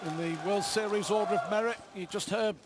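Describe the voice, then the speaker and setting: A man's voice: high-pitched, brisk, over a noisy crowd. A man giving live darts commentary as the lead commentator. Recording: clear background noise from venue.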